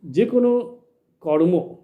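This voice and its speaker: A man teaching a spiritual lesson in a measured, explanatory way, asking questions and then answering them himself. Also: high-pitched, animated, phone-quality sound. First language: Bengali. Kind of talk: slow spoken religious lecture.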